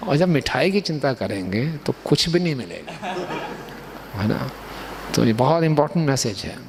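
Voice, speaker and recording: A man's voice: mid-range voice, a little hiss or hum. Man preaching with tag questions. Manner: explanatory, with frequent rhetorical tag questions and chuckles. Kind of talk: Hindi sermon with stories.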